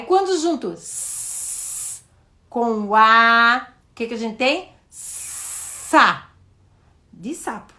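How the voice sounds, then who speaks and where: A Brazilian woman teaching in a live session, modelling the questions she asks a child and explaining each step with slow, stressed words. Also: a little high, fairly bright tone. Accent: Brazilian Portuguese. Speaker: educator hosting a live session.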